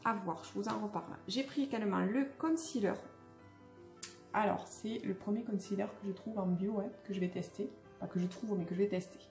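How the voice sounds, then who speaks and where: Young woman vlogger, casual and halting, mellow tone, echoey room with faint music. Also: mid-range voice. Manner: hesitant, many fillers and restarts. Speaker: beauty vlogger. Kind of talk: casual unboxing chat.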